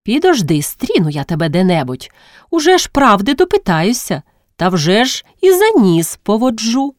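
A woman's voice: medium pitch, very animated, normal speed, no room sound, studio quality, voice pushed up, natural voice. A woman voicing a spirited young village girl who boasts playfully in a read-aloud story. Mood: boastful.

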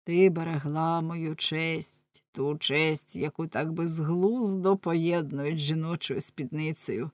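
Woman reads a jealous grown husband, loud and ranting, in a dry close storybook read. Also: sits low, steady tone, takes it slowly, few pauses, no echo. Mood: bitter. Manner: loud, ranting, anguished outbursts. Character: jealous, hot-tempered husband, grown man.

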